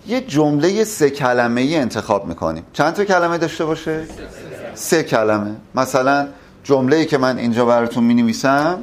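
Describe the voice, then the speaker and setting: A man's voice: medium pitch, expressive. A man teaching public speaking at a live workshop, emphatic and addressing the audience directly.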